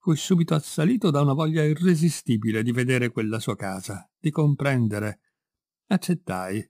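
Male narrator for a literary short story: measured and expressive, mid pitch, dry close-mic sound. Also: dry recording. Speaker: audiobook reader. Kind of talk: literary read-aloud narration.

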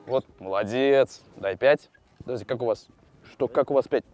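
A man in his twenties hosts a travel show outdoors on location, presenting in a casual, spontaneous, animated and chatty way. His mid-range voice moves at a moderate pace. The audio is dull, with soft background music.

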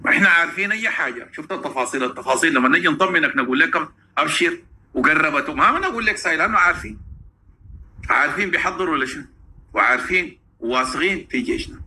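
A man with a Sudanese Arabic accent giving a fervent, celebratory monologue, repeating phrases, taunting and at times shouting. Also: a little high, animated, quick pace, slight background noise. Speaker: political commentator.

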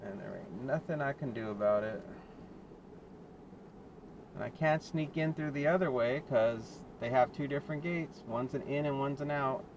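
A delivery driver with a medium-pitched voice talks at normal speed to his viewers as he drives, muttering in exasperation about his troubles. A dash cam inside the car records him, with car noise in the background.

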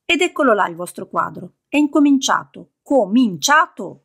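A woman voicing a proud, defiant male painter who shouts back indignantly and theatrically. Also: a little high, animated, normal speed. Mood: sarcastic.

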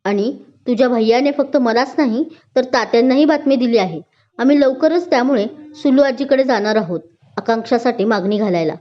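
A woman's voice: fairly high pitch, brisk, soft background music, close to an everyday voice. A woman voicing a teasing, playful young husband in a spoken story, talking with affection. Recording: dull lo-fi recording.

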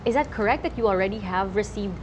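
A woman's voice: medium pitch, fast, lo-fi sound, background noise. A woman in her thirties hosting an interview over lunch in a restaurant, asking questions and reacting eagerly. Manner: eager, frequent short reactions. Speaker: interview host. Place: restaurant table indoors.

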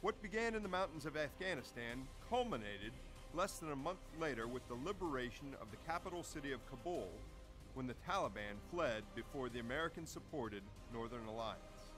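A man delivering scripted documentary narration in a measured, solemn way. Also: medium pitch, expressive. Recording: narration over loud music.

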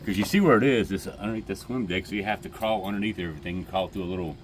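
A middle-aged man, the boat's captain, explaining a repair in a relaxed, plain-spoken way, recorded outdoors on a docked boat. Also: deep voice, very fast, a little hiss or hum. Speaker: boat captain, vlog co-host. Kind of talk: casual how-to vlog.

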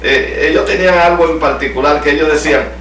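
A middle-aged Salvadoran pastor speaks with a Salvadoran Spanish accent in a slightly high, somewhat bright voice, moving at a quick pace. He leads a home Bible study, teaching and putting questions to the group. A distant camera picks him up from across the living room, so the sound is echoey with a faint hum.

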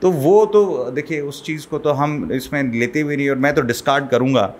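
In a small studio interview, the middle-aged expert talks into a boom-mounted desk microphone, his mid-range voice accompanied by a little hiss or hum. He lays things out methodically, one step at a time, code-mixing English terms.

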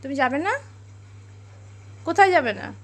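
A woman, a mother, talking to her small child in a home vlog, gently coaxing and mildly scolding. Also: high voice, animated, moderate pace, a crowd in the background.

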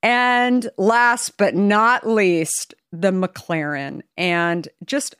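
A woman hosting a podcast, introducing her guest in a bubbly, effusive way with bursts of excitement. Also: medium pitch, extremely slow, clear, resonant tone, no echo, studio quality. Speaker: podcast host. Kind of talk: enthusiastic interview intro.

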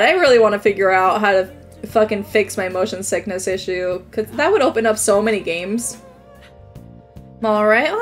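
A woman's voice: on the high side, a bit bright. Chatty young woman streamer, laughs a lot. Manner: chatty, laughs often, swears casually. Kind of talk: casual gaming commentary.

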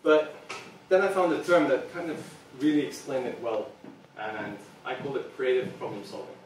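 An earnest public presentation is given by a Serbian man in his thirties who works as a product designer; he hesitates with ums throughout. His medium-pitched voice is expressive and moderately paced. Heavy reverb and background noise fill the meeting-room recording from a far camera.

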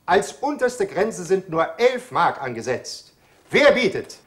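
A coaxing auctioneer. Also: male voice, high voice, very animated, slow pace, exaggerated voice. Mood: coaxing, salesmanlike. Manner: sing-song calling of bids, coaxing. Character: brisk male auctioneer selling old furniture.

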